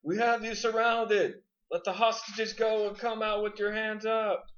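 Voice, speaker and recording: A man voicing a male police officer shouting orders at a standoff in a loud, commanding voice, on a dull lo-fi recording. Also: sits high, little pitch movement, measured pace, pitched above the performer's own voice.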